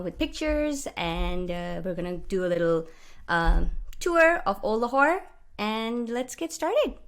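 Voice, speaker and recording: A young woman from Pakistan guides listeners through her slides in a friendly, explanatory way. She fills her pauses with "uh" and "um". She speaks into a studio mic in a small room at home. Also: mid-range voice, a bit bright. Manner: friendly, explanatory, many "uh" and "um" fillers. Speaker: guest speaker. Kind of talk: presentation narrated over slides. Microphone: studio mic on stand with pop filter.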